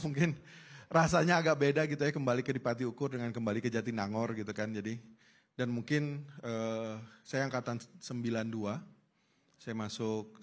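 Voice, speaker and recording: A man in his fifties speaking as a guest on a campus stage panel, talking in a halting way with fillers and restarts. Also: mid-range voice. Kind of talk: casual panel talk.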